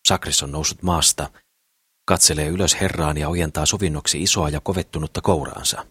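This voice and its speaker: Low husky guy reading an audiobook, dry close sound. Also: fairly bright tone, no echo. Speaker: audiobook narrator. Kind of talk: scripted narration.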